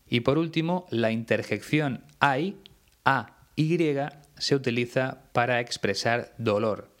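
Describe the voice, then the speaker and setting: Man, Spanish accent from Spain, slow measured lesson, spells out letters. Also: mid-range voice, fairly bright tone. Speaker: Spanish teacher.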